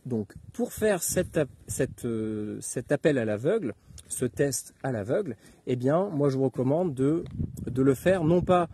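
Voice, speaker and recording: A man giving an informal spoken tutorial as an instructor, talking haltingly with many hesitations and filler words. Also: medium pitch, animated, warm tone, breathy edge, no room sound. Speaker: instructor giving outdoor radio advice.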